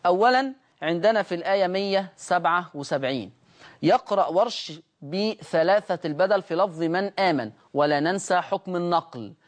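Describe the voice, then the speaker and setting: Speaking in a high voice with an Egyptian Arabic accent, a man gives a recitation lesson on the rules of Quran reading. He explains each rule, then slowly intones the example words.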